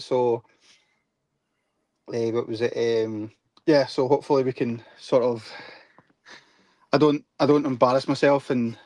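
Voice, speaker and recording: A man in a casual chat, talking haltingly and repeating "eh, what was it". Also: medium pitch, darkish tone, no room sound. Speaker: guest co-host.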